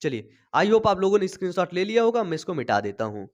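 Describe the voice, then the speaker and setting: A young man teaching a biology class in from a small home studio, talking slowly after a cough and checking in with his students all the time. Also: sits high, big pitch swings, a little mellow, muffled recording. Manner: chatty, checks in constantly with "thik hai". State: recovering from a cough, speaking slowly. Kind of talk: online class lecture. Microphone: sensitive desk mic.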